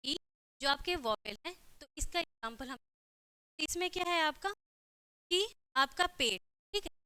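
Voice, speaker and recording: A woman's voice: high voice, lively intonation, measured pace, pushed and bright, dry recording. A woman with a Hindi accent teaching a class, repeating points and checking in with "theek hai" after nearly every phrase. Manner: repeats herself with constant "ठीक है" checks. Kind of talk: classroom lecture.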